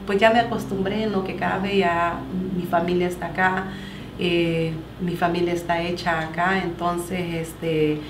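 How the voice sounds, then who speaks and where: A middle-aged Salvadoran woman with a Salvadoran Spanish accent speaks as a guest, giving her personal testimony and earnestly quoting scripture. Her voice is on the low side, level in tone, and measured in pace. The mic is distant, in an echoey room with background noise.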